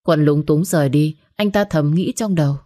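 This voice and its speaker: A woman's voice: sits low, moderate pace, mellow. A woman narrating an audio story and voicing every character herself.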